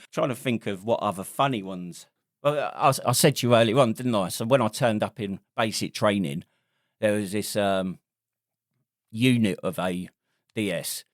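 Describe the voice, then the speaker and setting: A man's voice: fairly low pitch, moderate pace, no echo, clean studio sound. A man who is an army veteran co-hosting a podcast, easygoing and steering the chat with questions. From Britain. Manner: easygoing, leads the conversation with questions. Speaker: podcast co-host. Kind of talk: casual chat.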